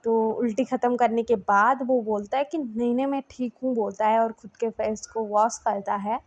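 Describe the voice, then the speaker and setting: A woman's voice: a little high, level tone, moderate pace, highs cut off. A young woman casually retelling a fan-written love story, chatty and full of fillers and restarts.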